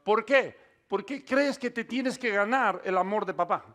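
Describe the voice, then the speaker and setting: A pastor preaching a sermon, speaking straight to the listener and building to loud, emphatic peaks. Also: male voice, high-pitched, a little slow. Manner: emphatic, addresses the listener directly, swells to loud climaxes.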